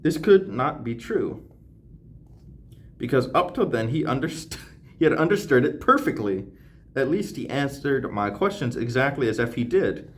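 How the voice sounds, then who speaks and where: A man's voice: medium pitch, big pitch swings, moderate pace, fairly bright tone. A young man reading a classic novel aloud on camera and breaking off for slangy, joking asides, often laughing. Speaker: channel host.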